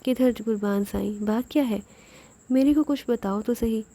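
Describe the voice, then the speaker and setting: A woman's voice: on the high side, dark tone. A woman voicing a poor male servant who asks anxiously what is happening. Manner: anxious, pleading.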